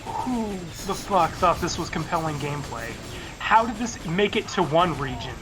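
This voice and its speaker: A man's voice: a little high, expressive, moderate pace, over music, poor audio. A man giving casual, sarcastic and foul-mouthed commentary over a video game. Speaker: let's play commentator.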